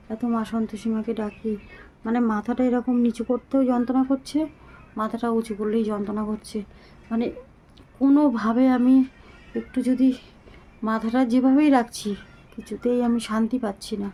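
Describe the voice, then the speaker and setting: A middle-aged woman talking slowly and haltingly to her viewers into a phone camera, weak and short of breath. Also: a little high, warm tone, low-quality recording. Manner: slow, halting, pleading. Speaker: vlogger. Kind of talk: casual talk to viewers.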